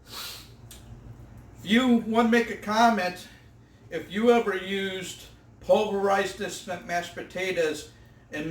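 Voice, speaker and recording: A man's voice: a little high, roomy sound. A man hosting an outdoor cooking vlog, tasting his fried fish with enthusiastic exclamations. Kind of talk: casual eating vlog.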